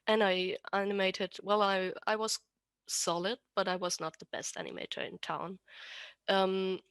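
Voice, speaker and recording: A rigger guesting on a podcast talks casually in an Austrian accent, her first language German, and keeps restarting and correcting herself as she explains. Her voice is medium-pitched, steady, a little slow, a bit bright, clear and resonant, in a dry, clean studio recording.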